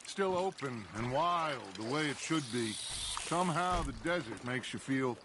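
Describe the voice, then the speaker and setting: An actor playing an easygoing frontier outlaw in a game who speaks in a relaxed, reflective, encouraging way. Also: male voice, mid-range voice, measured pace, noisy background, close to an everyday voice.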